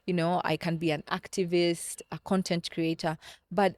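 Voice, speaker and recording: Woman in her 30s from kenya, lowish voice, earnest and reflective, bit halting, dry sound. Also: flat delivery, darkish tone, no room sound. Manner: earnest, reflective, repeats words as she searches for them. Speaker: podcast guest. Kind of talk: candid conversational storytelling.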